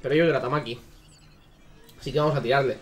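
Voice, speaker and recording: A man's voice: mid-range voice, steady tone, fast talker, faint music behind. A man giving casual, sarcastic commentary on a mobile game, swearing freely. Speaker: gaming YouTuber.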